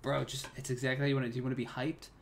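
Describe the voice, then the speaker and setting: A man's voice: mid-range voice, level tone, racing, gravelly, faint music behind. A young man streaming a video game, chatting casually with viewers by name and keeping his voice down. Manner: casual, keeps greeting viewers by name, says bro and my man; keeping his voice down so his wife can sleep. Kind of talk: live gameplay stream chat. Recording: game gunfire audible in background.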